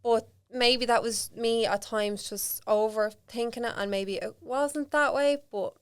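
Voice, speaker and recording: A woman's voice: a little high, steady tone, unhurried, clean tone. A woman with an Irish accent, a podcast guest telling personal stories candidly and chattily in casual conversation. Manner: candid, frank storytelling with casual swearing; chatty, lots of fillers like "like".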